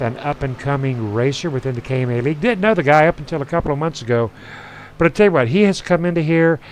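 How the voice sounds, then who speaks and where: A man's voice: fairly high pitch, slight background noise, rough recording. A man doing folksy, chatty play-by-play commentary for an online sim truck race, with asides between the calls. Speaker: sim racing announcer.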